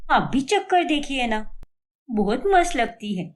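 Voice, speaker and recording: A woman's voice: sits high, very animated, slow pace, exaggerated voice. A woman voicing a breezy young daughter-in-law. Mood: carefree. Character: cheerful young chili-loving daughter-in-law. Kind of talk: cartoon story voice acting.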